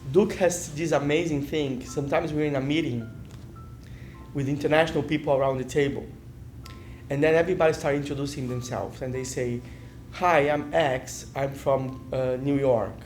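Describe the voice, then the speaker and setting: A man's voice: fairly high pitch, steady tone, normal speed, darkish tone, soft background music. A man in an interview telling an anecdote, acting out people introducing themselves.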